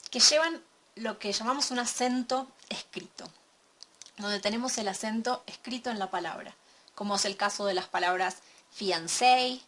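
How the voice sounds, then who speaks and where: A woman teaching a recorded lesson from slides, explaining step by step and checking in with a quick question. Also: mid-range voice, fairly bright tone. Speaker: English teacher.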